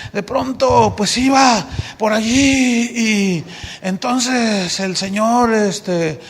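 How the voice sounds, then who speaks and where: A man's voice: high voice, very slow, gravelly, a little hiss or hum. A male pastor with a Mexican Spanish accent, preaching a sermon and telling a story in which he acts out the dialogue. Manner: lively storytelling, acting out dialogue. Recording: long reverb of a church hall.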